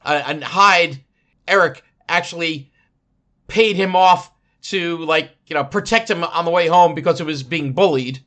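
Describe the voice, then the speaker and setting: A man's voice: fairly high pitch, a little slow, a bit bright. A man co-hosting a casual chat, hesitant, often stammering and restarting. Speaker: podcast co-host.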